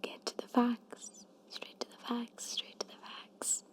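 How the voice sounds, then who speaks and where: A soft-spoken woman doing ASMR in a breathy, slightly hoarse near-whisper, chatting hesitantly and informally. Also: slow pace. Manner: hesitant, self-conscious, informal. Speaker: ASMR creator. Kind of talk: soft-spoken ASMR, rambling chat and reading facts. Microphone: microphone at close to moderate distance.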